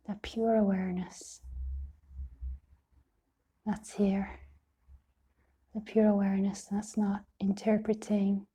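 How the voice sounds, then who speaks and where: Here a woman, working as a meditation teacher, guides a session with a mid-range voice that's breathy and barely above a whisper. She soothes gently, using short phrases and leaving long pauses.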